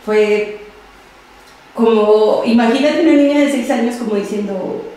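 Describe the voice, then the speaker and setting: A young adult woman, a podcast guest telling her own story in an interview, speaking softly and often trailing off quietly. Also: on the high side, unhurried. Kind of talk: personal testimony in an interview. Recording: very echoey room.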